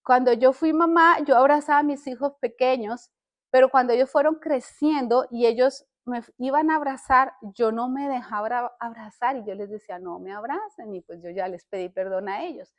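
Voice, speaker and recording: An older woman gives a heartfelt faith testimony on a podcast. Her voice sits high, and she speaks earnestly, stopping often to restart a word or a sentence. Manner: earnest, halting, with many restarts. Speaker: podcast host.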